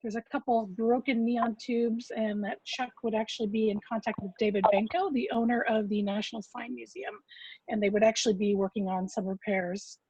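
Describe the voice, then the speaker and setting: A woman from an agency reports formally at a public meeting, steadily working through points list by list with some fillers. Her fairly high, husky voice moves a little fast and has no room sound, coming through a computer mic on a group video call whose dull, lo-fi audio keeps cutting out.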